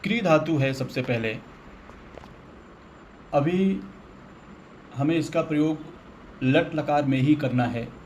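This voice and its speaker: Male Sanskrit teacher, unhurried, explains patiently, slightly high voice. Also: a little mellow, lo-fi sound, a little hiss or hum. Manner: patient, explains slowly with everyday examples. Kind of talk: online grammar lesson.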